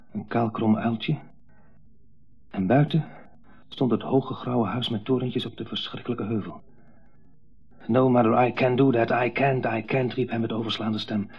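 An actor playing a bitter grown son dominated by his mother, delivering a brooding, intense monologue in a 1970s radio play. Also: medium pitch. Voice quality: gravelly, husky. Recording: dull 1970s radio broadcast.

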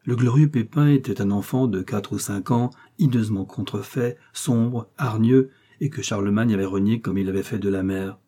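A man reading a classic novel aloud as narration, in a steady, measured way. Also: fairly low pitch. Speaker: audiobook reader.

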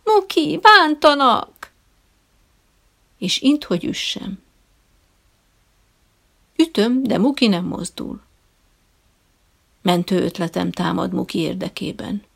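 A woman's voice: on the low side, expressive, vocal fry, pauses often, slightly rough. Wry woman narrating an audiobook. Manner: dry, wry storytelling. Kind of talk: scripted narration.

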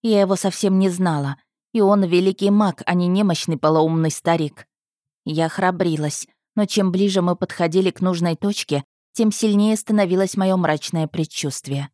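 A woman narrating a first-person fantasy audiobook in a measured, tense manner. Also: lowish voice, dark tone, no echo, clean studio sound.

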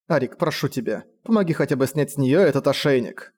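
A man's voice: mid-range voice, lively intonation, fast, a little mellow, lightly acted. A man voicing a young village woman in an audiobook, pleading and indignant with a slightly raised voice.

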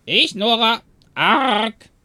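A man's voice: high voice, expressive, drawn-out words, bright, forceful tone, no echo, clean studio sound, pitched above the performer's own voice, heavily acted. A man doing a squawking cookie-hungry parrot. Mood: squawking, eager. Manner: squawks short clipped words with "arr". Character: scrawny squawking parrot, female, cookie-obsessed. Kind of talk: audio story narration.

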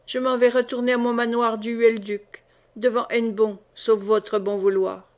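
A woman's voice: a little high, flat delivery, moderate pace, close to an everyday voice. A woman reading the part of an embarrassed man-at-arms politely asking to leave. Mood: sheepish. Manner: polite, hesitant.

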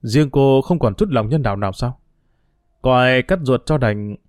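A man's voice: mid-range voice, moderate pace, a little mellow, dry recording, studio quality, natural voice. A man reading a story aloud and voicing an angry, reproachful man who accuses a woman. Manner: harsh, reproachful.

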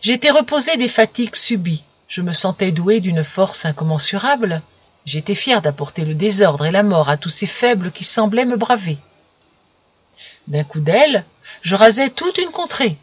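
A woman reading a fairy tale aloud in an expressive, dramatic storybook style, in a dull lo-fi recording. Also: medium pitch, moderate pace, slightly rough.

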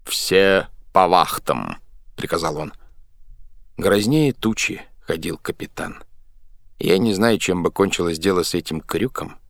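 A man's voice: low-pitched, a little slow, vocal fry, no echo, clean studio sound. A man narrating a whimsical sea tale as an audiobook reader, storytelling with energy. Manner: lively storytelling, voicing characters. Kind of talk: scripted narration.

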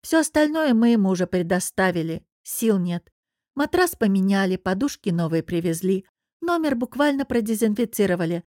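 A woman's voice: mid-range voice, expressive, normal speed, a little mellow, no echo, natural voice. A young woman working at a hotel desk, voiced by the narrator, complains in a tired, exasperated tone. She speaks in the middle of a woman's range. The storybook reading is dry and close. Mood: complaining. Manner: complaining, weary.

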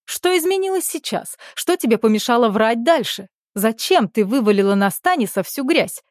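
A woman reads a shrill, reproachful middle-aged aunt for an audiobook, her voice pitched higher and pushed louder than the narration, pleading one moment and accusing the next. The recording is close and dry, with no room sound. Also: expressive, moderate pace, no echo, close to an everyday voice.

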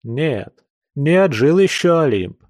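A man's voice: fairly high pitch, animated, slow pace, darkish tone, no room sound, pitched above the performer's own voice. A man reading a classic novel aloud, voicing a passionate, earnest young nobleman with urgent, lecturing speech. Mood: fervent.

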